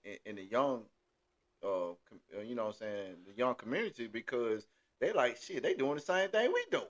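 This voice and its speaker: A man's voice: medium pitch, lively intonation, normal speed, highs cut off. A man hosting a casual chat, rambling with many restarts and filler phrases. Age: 30s. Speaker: podcast host.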